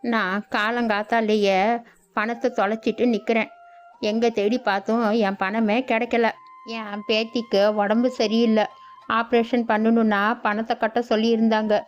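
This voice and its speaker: A woman's voice: fairly high pitch, flat delivery, lightly acted. A woman voicing a wailing old village grandmother. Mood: tearful, pleading. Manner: wailing, slow and pleading. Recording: dull lo-fi audio with background music.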